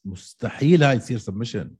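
A man's voice: medium pitch, animated, fast talker, darkish tone, husky. A man with a Levantine Arabic accent in casual sports chat, co-hosting emphatically and often repeating his phrases. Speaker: co-host of an MMA podcast.

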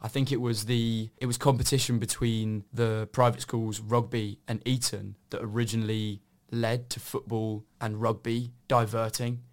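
A man co-hosts a podcast discussion. His voice is of average pitch, and he sets out his points in a conversational, discursive style. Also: level tone, moderate pace, few pauses. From Somerset, southern England. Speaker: podcast co-host.

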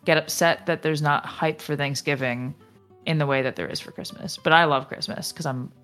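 Low-pitched woman in her 20s, casual co-host, talkative and giggly. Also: steady tone, fairly bright tone, soft background music. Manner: chatty, quick bursts with laughter, many "like" fillers. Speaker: podcast co-host. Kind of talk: casual chat.

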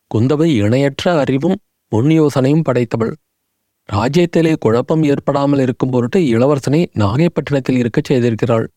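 A man narrating an audiobook in a measured, dramatic storytelling manner. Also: mid-range voice, warm tone, no room sound.

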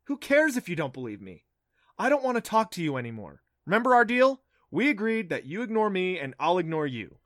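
A man reading a story, voicing a flustered, defensive teenage boy who is quick to complain. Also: medium pitch, bright, forceful tone, no room sound, clean studio sound, lightly acted.

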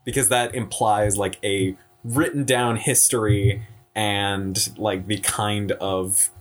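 Slow, low-voiced young man musing. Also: fairly even intonation. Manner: slow, searching, filler-heavy. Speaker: student in a class discussion. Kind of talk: casual discussion.

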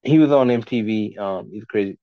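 A man's voice: lowish voice, a little fast, no room sound, highs cut off. A man as a podcast guest in casual chat, giving blunt, profane, rambling opinions.

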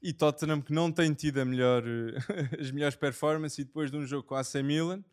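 A man co-hosting a casual sports podcast, talking lively and laughing often. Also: fairly high pitch, fairly quick, smooth. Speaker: podcast co-host.

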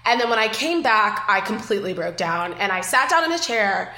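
A young woman, a guest on an interview show, telling emotional stories in a lively, animated way and acting out what people said. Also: mid-range voice, brisk, reverberant. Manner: emotional, animated storyteller, acts out quotes. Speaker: guest, former reality show contestant. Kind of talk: casual interview chat.

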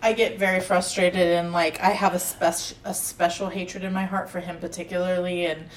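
A woman's voice: fairly low pitch, level tone, normal speed, recorded from a distance, slight background noise. A woman in casual chat, talking earnestly and asking rhetorical questions. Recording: roomy, off-mic.

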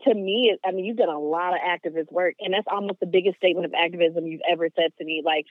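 A woman's voice: lowish voice, fast, dry recording. A woman with an American accent hosting a casual, supportive interview chat. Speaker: podcast host. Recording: thin phone-like line, dry.

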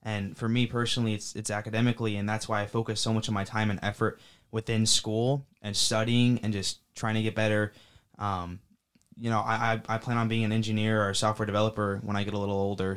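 A man's voice: fairly low pitch, a bit bright, smooth. A young man talking earnestly in a casual panel discussion, speaking as a student panelist with many fillers and restarts. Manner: earnest, rapid, full of fillers.

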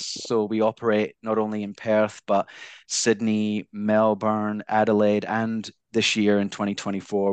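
A man from Glasgow with a softened Scottish accent, answering interview questions conversationally in a hesitant way with careful enunciation. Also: lowish voice, clean tone, dry recording. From Glasgow, Scotland. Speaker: founder of a not-for-profit, interview guest.

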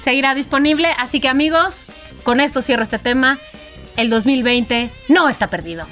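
Lively, teasing woman podcast host. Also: high-pitched, moderate pace, faint music behind. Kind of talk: casual podcast chat.

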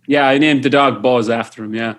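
A man's voice: medium pitch, steady tone, a little fast, a bit bright. A man with an Irish accent hosting a podcast interview in a chatty, jokey way.

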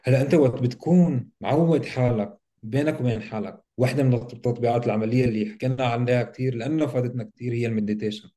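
Fast-talking mellow-voiced man. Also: mid-range voice. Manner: relaxed, reflective, mixes English words into Arabic. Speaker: podcast co-host. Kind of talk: casual conversation about self-help.

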